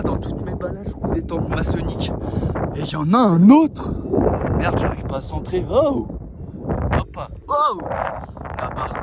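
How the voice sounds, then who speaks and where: A man with a fairly high voice chats casually to his camera as an outdoor vlogger. He jokes and swears freely in slangy speech. The recording is clearly noisy, made out in the open. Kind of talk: casual outdoor vlog chat. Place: outdoors on a mountainside.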